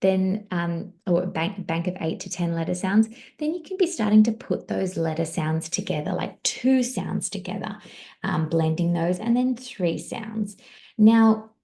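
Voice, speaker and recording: Woman, ex-teacher, parenting webinar, encouraging, sounds out words slowly, lowish voice. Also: vocal fry, dark tone.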